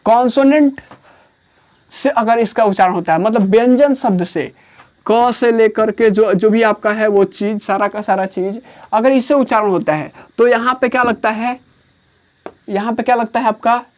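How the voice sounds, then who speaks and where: A man from India with an Indian accent, teaching an English grammar lesson in Hindi. He explains slowly, repeats phrases and dictates words one at a time. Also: high-pitched, steady tone.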